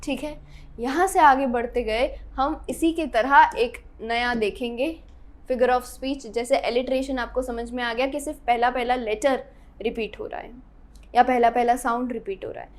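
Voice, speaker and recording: A woman's voice: a little high, fairly even intonation, measured pace. A young woman teaching an English grammar lesson, explaining step by step and checking in with her students often.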